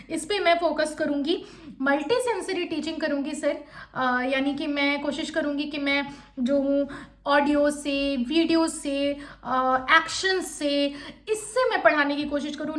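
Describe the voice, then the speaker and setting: A young woman teacher who speaks fast, coaching interview candidates and modelling sample answers in an explanatory lesson. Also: sits high, fairly bright tone. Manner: fast-talking, admits speaking quickly.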